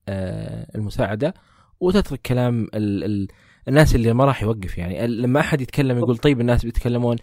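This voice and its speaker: A man hosting a podcast, reflecting slowly through hesitant restarts and fillers. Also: mid-range voice, a little mellow, no room sound, clean studio sound. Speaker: podcast host. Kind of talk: reflective conversation.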